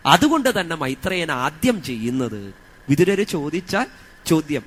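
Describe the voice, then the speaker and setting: A man with a Malayalam accent giving a religious discourse on scripture, chanting verses slowly and asking his listeners rhetorical questions. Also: on the high side, big pitch swings, a bit bright, breathy edge. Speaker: scripture teacher.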